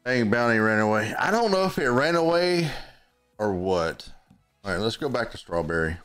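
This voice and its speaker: A gaming streamer with a mid-range, fairly bright and clean voice speaks in a sing-song way at a moderate pace over soft background music. Between bits of gameplay he chats casually with friends, swearing freely as he grumbles at the game in this relaxed let's-play commentary.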